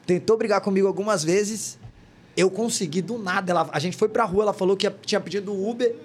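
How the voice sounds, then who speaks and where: Slangy high-voiced male storyteller. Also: fast talker. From Porto Velho, Rondônia, Brazil. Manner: slangy storyteller, animated retelling with quoted dialogue. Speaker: guest singer-songwriter. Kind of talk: casual podcast chat.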